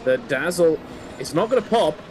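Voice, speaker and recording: A man commentating live on a gaming tournament in an excitable, theatrical way, moving between calm calls and exclamations. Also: fairly high pitch, moderate pace, noisy background. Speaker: esports commentator.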